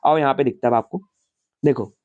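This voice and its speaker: A man's voice: mid-range voice, brisk, phone-quality sound. A man teaching a science class in a casual, chatty way, asking questions and answering them himself and explaining with homely family stories.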